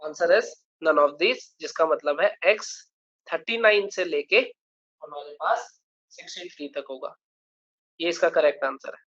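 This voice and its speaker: A man's voice: a little high, unhurried, fairly bright tone. Male math teacher in a dull recording. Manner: explains step by step, often checks understanding. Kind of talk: live online lecture.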